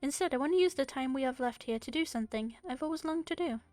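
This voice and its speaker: A woman voicing a gentle, refined young woman in a visual novel, speaking softly and politely. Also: high voice, quick pace, dry recording, natural voice. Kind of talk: reading a visual novel aloud.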